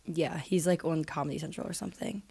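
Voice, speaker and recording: Young female podcast co-host, slightly husky and low, easygoing and giggly on a home mic. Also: fairly even intonation, fast, warm tone, no echo. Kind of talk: casual chat. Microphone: home computer mic with headphones.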